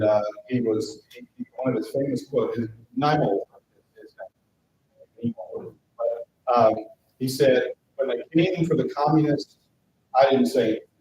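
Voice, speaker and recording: A man's voice: medium pitch, mellow. A man, a pastor, giving a conversational study talk with many fillers. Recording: roomy, distant mic with faint noise.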